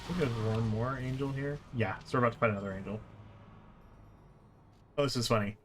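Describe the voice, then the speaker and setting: A man with a mid-range voice streams a game live, speaking a little fast with casual, explanatory commentary and exasperated asides. Game music and background noise play behind him.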